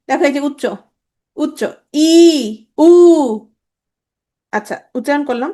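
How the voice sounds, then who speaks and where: A woman teacher giving an exam-prep grammar lecture. She is brisk and informal, repeats sounds over and over, and asks and answers her own questions. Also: sits high, darkish tone.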